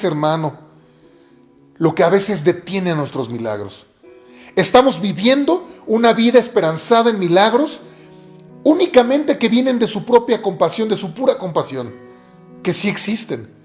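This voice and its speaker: Earnest preacher with faint music. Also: medium pitch. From Mexico. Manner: earnest, repeats key phrases for emphasis. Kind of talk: sermon.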